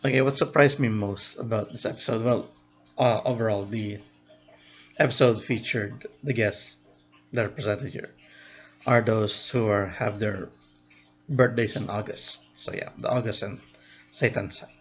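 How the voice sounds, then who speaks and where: A man, a vlogger, giving a casual review of show episodes, unhurried and thinking aloud. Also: fairly low pitch, fairly even intonation, dull audio.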